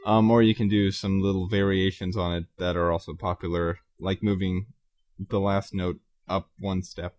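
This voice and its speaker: Guy with a really low voice rambling about his compositions, lots of ums, dry close sound. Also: flat delivery, normal speed, darkish tone, dry recording. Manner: rambling, hesitant, many ums, self-correcting. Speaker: composer podcast host. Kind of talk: casual solo talk about his music.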